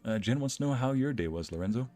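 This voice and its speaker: A man's voice: mid-range voice, expressive, dark tone, soft background music. A man hosting a stream, chatting casually in a joking, playful way. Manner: joking, playful, quick asides. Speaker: streamer host.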